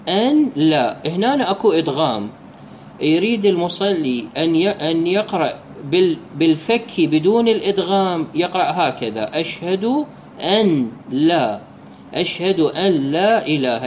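Man, Iraqi Arabic accent, religious lesson, fairly high voice, explanatory, faint room hiss. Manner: explanatory, slows to recite formulas. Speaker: religious teacher. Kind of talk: jurisprudence lesson.

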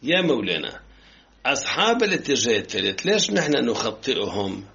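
A man's voice: medium pitch, sing-song, fairly quick, vocal fry, sharp tone. A man with a Lebanese accent teaching a seminary class, reading a text aloud and then arguing with it through rhetorical questions. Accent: Lebanese Arabic. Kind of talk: classroom lecture on jurisprudence. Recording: dull lo-fi class recording.

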